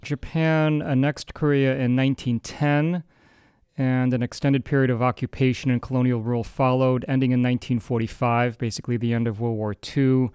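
Measured male interviewer with a smooth voice. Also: medium pitch, level tone, darkish tone, dry recording, clean studio sound. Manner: measured, informative, some fillers. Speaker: interviewer, host. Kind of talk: interview questions with scripted background.

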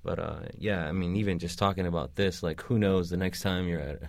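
A young man, a podcast guest, talking haltingly in a casual discussion with many restarts and fillers. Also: low-pitched, fairly even intonation, vocal fry, no room sound, studio quality. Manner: hesitant, restarting, lots of "like".

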